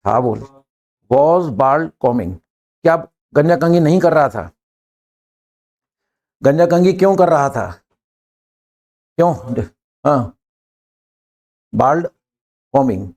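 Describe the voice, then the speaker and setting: Older man, classroom English teacher, slightly high voice, brisk, jokey, drills his students fast. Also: darkish tone. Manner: brisk, joking, urging students to answer fast.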